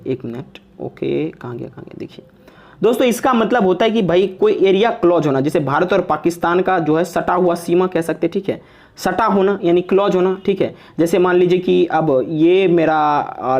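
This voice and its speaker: A man's voice: a little high, darkish tone, dull audio. A young man teaching English vocabulary in a casual, chatty online lesson, joking and saying "okay" after nearly every phrase. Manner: chatty, repeats "okay" constantly, jokes and teases.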